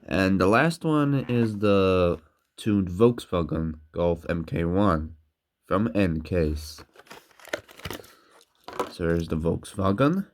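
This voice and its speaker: With a deep, animated voice, a man casually narrates a toy car unboxing in slow, halting, simple phrases. He's talking through a sore throat with candy in his mouth.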